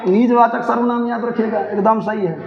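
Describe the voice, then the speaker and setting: A man's voice: sits high, fairly even intonation, moderate pace, vocal fry, highs cut off, a little hiss or hum. Male Hindi teacher, explaining and repeating lines. Echoey hall-like room. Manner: explanatory, repeats lines and asks listeners to pay attention. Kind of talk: line-by-line lesson explaining a play.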